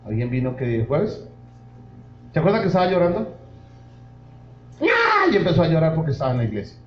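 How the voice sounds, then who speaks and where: A man's voice: on the high side, wildly swooping pitch, a little fast, a little hiss or hum. A man preaching a sermon as pastor, speaking with fervor and addressing the congregation directly. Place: church hall. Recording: roomy, dull church recording.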